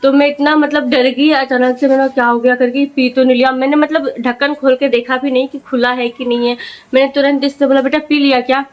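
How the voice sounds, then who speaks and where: A woman's voice: sits high, little pitch movement, fairly quick. A young woman, a mother, chatting casually to camera in a home vlog and telling her story with lots of fillers. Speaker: vlogger, mother.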